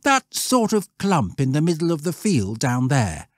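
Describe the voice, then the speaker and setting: A man's voice: fairly high pitch, sing-song, unhurried, dry recording, clean studio sound, pitched above the performer's own voice. A man voicing a rude, scornful British schoolboy Scout in a story, with a scoffing, brash manner. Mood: idle, cocky.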